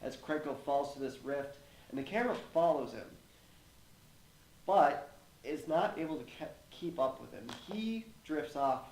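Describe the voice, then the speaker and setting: A man's voice: on the high side, expressive, a little slow, darkish tone. A man narrating part of a tabletop game and chatting as a player, with filler words and jokey asides. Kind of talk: casual tabletop chat. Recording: echoey room with faint noise.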